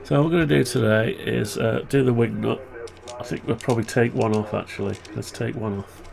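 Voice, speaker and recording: A man's voice: mid-range voice, steady tone, brisk, vocal fry, a crowd in the background. A man with a muffled, blocked-nose voice, tired and stuffed up with flu, rambling as he thinks aloud through a casual hobby tutorial. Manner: rambling, muttering to himself. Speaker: hobbyist presenter.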